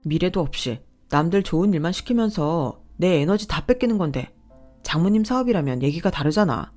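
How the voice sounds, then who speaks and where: Entitled grasping husband in a storybook tale, bossy and whiny, low-pitched, read by a woman. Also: animated, fairly quick, darkish tone, soft background music. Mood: defensive. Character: greedy boastful husband, adult man.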